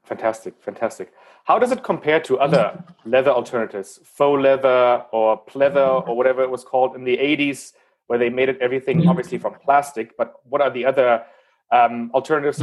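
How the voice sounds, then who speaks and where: A man's voice: medium pitch, poor audio. A man interviewing guests in a conversational way, asking questions. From Texas resident.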